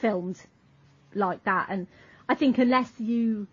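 A woman's voice: mid-range voice, takes it slowly, husky. A woman co-hosting a podcast, chatting casually and trailing off as she explains. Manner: rambling, self-interrupting, trailing off. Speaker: podcast co-host. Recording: dull lo-fi audio.

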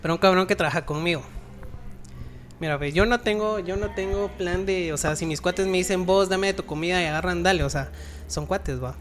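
A man's voice: high voice, a little fast, fairly bright tone, faint music behind. Slangy man hosting. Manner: slangy, joking. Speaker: podcast host. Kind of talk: casual podcast chat.

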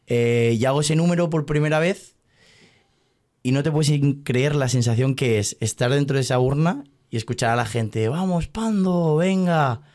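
A man's voice: mid-range voice, moderate pace, darkish tone. A young man in his twenties, a magician guest on a podcast, telling a story in casual chat with lots of fillers. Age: 20s. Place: podcast studio.

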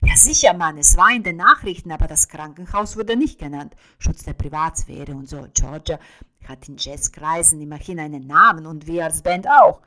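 Hotheaded young male musician, read by a woman; loud, agitated, high-pitched. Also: normal speed, rough recording. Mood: indignant.

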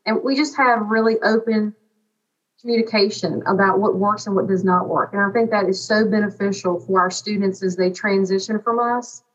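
A woman's voice: medium pitch, steady tone, normal speed. A woman speaking as a guest in a conversational interview, like a school administrator describing her work. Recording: slightly dull, lo-fi sound.

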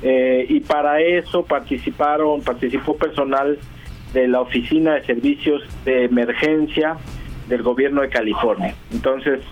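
A man, a guest journalist chatting on a radio interview, talking at length with many fillers and pauses. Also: mid-range voice. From Mexico. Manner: talkative, thinking aloud with many fillers. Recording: dull lo-fi radio line, faint music.

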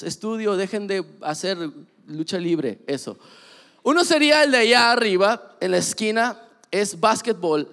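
A young man giving a casual, joking sermon full of animated sports stories. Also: high-pitched. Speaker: preacher. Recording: long reverb of a large hall.

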